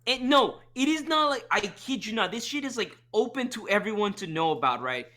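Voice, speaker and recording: A podcast co-host rambling in casual chat, profane, with many fillers and restarts. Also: male voice, sits high, expressive, brisk, bright, forceful tone.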